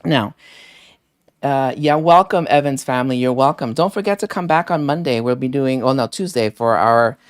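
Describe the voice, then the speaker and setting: A man's voice: mid-range voice, moderate pace, clear, resonant tone, no room sound, studio quality. A man hosting a live deals stream, chatting casually and rambling with many fillers while thanking viewers by name. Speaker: livestream deals host.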